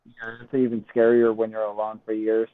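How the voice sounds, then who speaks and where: A man joins a podcast as a guest and gives quiet, thoughtful answers in a casual chat. His voice sits fairly low. It comes through a tinny, phone-like line with a dry sound. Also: completely flat delivery, fairly quick, no echo. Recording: phone-like call audio.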